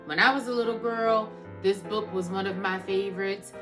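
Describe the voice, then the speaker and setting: A woman's voice: mid-range voice, steady tone, moderate pace, music in the background. A woman in her thirties hosting a children's storytime, chatting directly to her young viewers. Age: 30s. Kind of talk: chatty introduction addressed to children.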